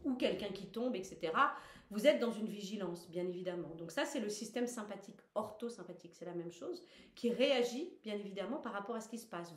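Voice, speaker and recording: A woman leading a guided self-massage lesson, giving calm step-by-step instructions and explaining as she goes. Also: medium pitch. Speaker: wellness instructor. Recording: roomy echo.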